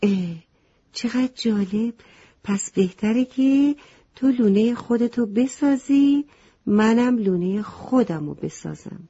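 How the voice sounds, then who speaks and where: A woman's voice: on the high side, expressive, warm tone, husky, voice pushed up. A woman voicing a small, tired but kind sparrow who talks in a friendly, open way in a storybook reading. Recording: slightly muffled lo-fi recording.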